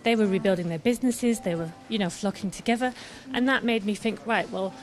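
A young adult woman from Scotland, guesting as an artist, chats eagerly and with frequent fillers during a live pub interview, her words caught by the host's handheld microphone. Her pitch sits in the medium range and her pace is fairly quick.

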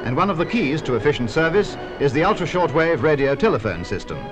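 Man, mid-pitched, narrating an old 1950s newsreel: emphatic, lively delivery, muffled lo-fi sound, music bed underneath. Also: fast. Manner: emphatic, upbeat announcer delivery. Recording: dull lo-fi film soundtrack with music.

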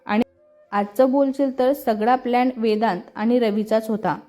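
Woman reading as a calm older father. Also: on the high side, moderate pace, lightly acted. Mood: reassuring. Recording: slightly muffled with soft music.

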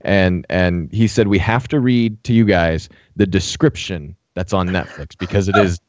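Low-voiced man co-hosting a stream. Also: normal speed, dull audio, slight background noise. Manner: rambling, many "uh" fillers. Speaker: podcast co-host. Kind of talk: casual chat.

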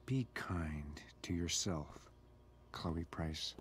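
An actor playing a gentle, cryptic middle-aged school groundskeeper in a video game, speaking in a measured, philosophical way. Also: male voice, low-pitched, slightly rough, heavily acted. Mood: soft, cryptic.

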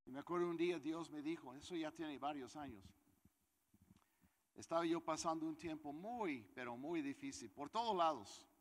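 A man's voice: on the high side, moderate pace, long reverb tail. A man preaching a sermon, talking conversationally and putting questions to his congregation. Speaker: pastor.

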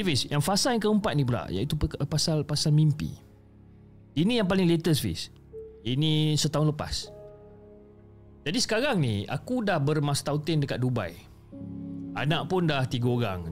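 A man with a Malaysian accent reading a listener's horror story in a chatty, conversational way, often addressing the listener by name. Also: a little high.

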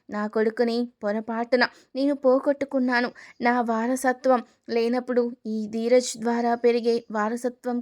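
A woman's voice: on the high side, darkish tone, lightly acted. A woman voicing a scheming, villainous middle-aged stepmother who pleads and justifies herself in a storybook reading. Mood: bitter.

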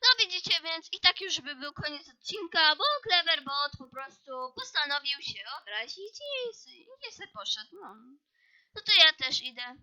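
A woman's voice: extremely high pitch, big pitch swings, normal speed, hardly any pauses, pushed and bright, low-quality recording. A young woman chatting casually as she plays a chatbot game, reading typed lines aloud in an exasperated, playful way, with keyboard clicks nearby. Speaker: gaming youtuber.

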